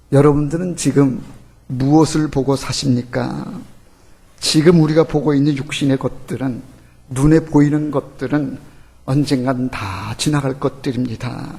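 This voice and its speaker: A male pastor preaching a Sunday sermon, emphatic, swinging between forceful rises and hushed, quiet lines. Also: medium pitch, creaky, breathy edge. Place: church sanctuary.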